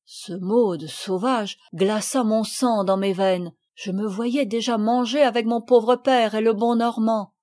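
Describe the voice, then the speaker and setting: A woman narrates a children's storybook with clear, expressive reading. Her voice sits on the higher side. The delivery is steady and attentive. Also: a little slow, hardly any pauses. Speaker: audiobook reader.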